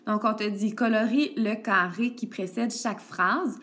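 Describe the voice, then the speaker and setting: A woman teacher walks a child through a grammar lesson. She is patient and steady, full of little "ok"s and "donc"s. It is recorded on a tablet screencast. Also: medium pitch, unhurried. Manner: patient, addresses the child directly with frequent "ok" and "donc". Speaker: elementary school teacher.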